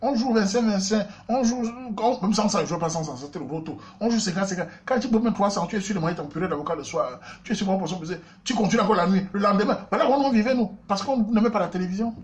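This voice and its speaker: Man, Cameroonian French accent, comic storyteller, rapid-fire, slightly high voice, loud bursts and low asides. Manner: animated, swings between loud outbursts and low asides. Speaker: comedian.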